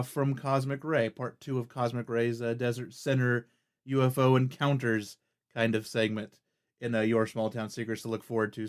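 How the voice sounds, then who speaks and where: A male podcast host talking at a middling pitch in a loose, rambling chat. He pads his sentences with "like" and "uh" and sounds keen and easygoing about what he's telling. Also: clear, resonant tone. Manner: rambling, full of "like" and "uh".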